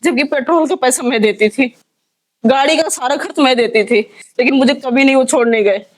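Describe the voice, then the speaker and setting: A woman with a high-pitched voice, talking as a lawyer in a news interview. She sounds distressed and pleading throughout. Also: fairly quick.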